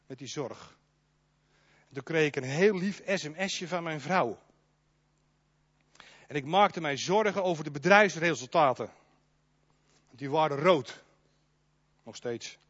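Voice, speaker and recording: A man preaching a sermon in a church, emphatic and animated, speaking straight to his congregation. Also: fairly high pitch, measured pace, pauses often, no room sound, highs cut off. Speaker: pastor.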